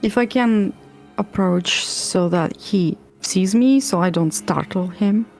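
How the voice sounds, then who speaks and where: A woman speaks in a mid-range voice as a player at a tabletop game. She talks softly and carefully about her character's moves. Faint music plays behind her. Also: medium pitch, slow. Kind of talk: casual tabletop play.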